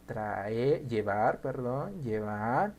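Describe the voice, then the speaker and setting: A man teaching an English grammar lesson, slowly spelling out and repeating each example. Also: medium pitch, lively intonation, darkish tone, a little hiss or hum.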